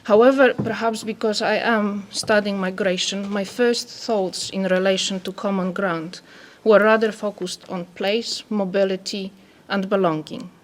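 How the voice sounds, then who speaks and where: Soft-spoken woman with a Polish accent. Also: mid-range voice, steady tone, measured pace, hardly any pauses. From Poland. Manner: soft-spoken, careful reading. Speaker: anthropologist speaker. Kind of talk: reading a prepared talk.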